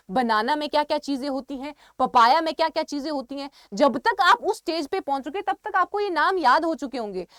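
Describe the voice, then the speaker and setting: A woman's voice: high voice, a bit bright, no echo, studio quality. A woman teacher with an Indian accent giving an online exam-prep lecture, calling her students "beta" and repeating key points as she reads out scientific plant names carefully.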